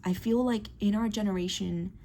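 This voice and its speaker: A woman's voice: medium pitch, steady tone, normal speed, warm tone. A young woman from Brazil, a Portuguese speaker, talking in a rambling, hesitant diary vlog full of fillers. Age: young adult. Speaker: vlogger.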